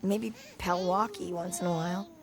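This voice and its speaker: An actress playing a capable, practical young mother in an audio drama, speaking briskly. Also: lowish voice, fairly even intonation, close to an everyday voice.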